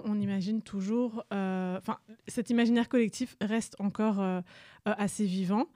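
Young woman museum guest, hesitant with many fillers, warm dark voice, close dry recording. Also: medium pitch, dry recording. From Rwanda. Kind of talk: interview answers.

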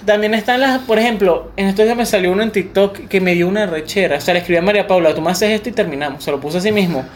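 A woman's voice: mid-range voice, rapid-fire, slight background noise. A woman with a Venezuelan accent, co-hosting a casual chat podcast, telling stories and acting out quotes. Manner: chatty storyteller, acts out quotes. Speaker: podcast co-host.

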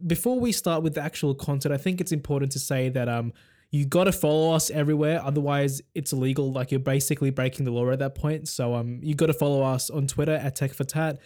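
A man's voice: medium pitch, fairly even intonation, quick pace, dark tone. A young man hosting a casual tech podcast, rambling and joking with lots of fillers. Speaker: podcast host.

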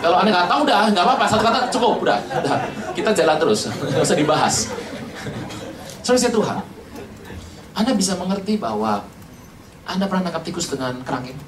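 A preacher giving a lively, humorous sermon, firing rhetorical questions and jokes at the congregation. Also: medium pitch, quick pace, long pauses, a crowd in the background. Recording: roomy, from a distance.

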